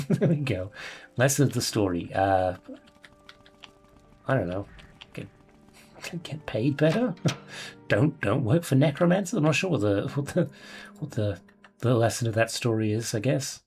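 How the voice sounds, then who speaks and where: A man's voice: medium pitch, expressive, unhurried, long pauses, darkish tone, soft background music. A man hosting a let's play, casually reading off items, swearing and chuckling as he plays. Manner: mutters item names, swears, chuckles often. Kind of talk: casual gameplay commentary.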